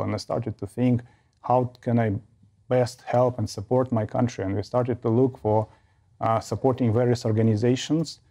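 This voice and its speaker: A man from Ukraine with a Ukrainian accent, a charity founder answering interview questions haltingly with many fillers. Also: medium pitch, warm tone.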